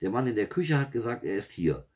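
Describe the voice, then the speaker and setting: A man reading a story, voicing an excitable little girl who insists she saw her uncle, in a shrill, insistent voice. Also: fairly quick, slightly rough. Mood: excited insistence.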